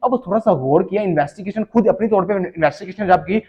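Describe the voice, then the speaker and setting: A man with a Punjabi accent telling a funny story in a casual, animated way, switching into Punjabi for the quoted lines. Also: high voice, fast talker, dull audio. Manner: animated, switches between Urdu narration and Punjabi quoted dialogue. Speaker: comic storyteller.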